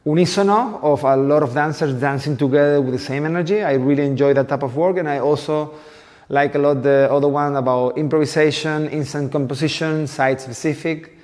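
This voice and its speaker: A Venezuelan man in his forties, a guest dance teacher, gives interview answers in a reverberant space. His voice is on the high side, steady, fairly quick and a little mellow, and he sounds thoughtful as he searches for words in a second language.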